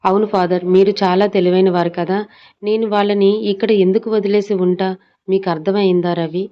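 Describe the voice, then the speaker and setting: A woman's voice: medium pitch, steady tone, brisk, highs cut off, lightly acted. A mocking young villain, as a woman narrator reads him. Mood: boastful, menacing. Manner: taunting, falsely sweet. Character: scheming young male kidnapper, mocking and cruel.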